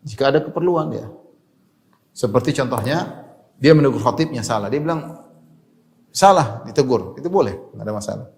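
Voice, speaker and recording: A man preaching an Islamic religious lecture, explaining patiently, repeating key points and tagging his phrases with a quick "ya". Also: mid-range voice, animated, gravelly, darkish tone.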